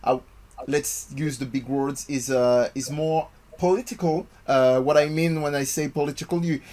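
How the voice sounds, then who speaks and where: Halting French-born man hosting a chat. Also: on the high side, steady tone, a little mellow. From France. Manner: halting, searching for words, many fillers. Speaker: podcast host. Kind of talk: casual interview chat.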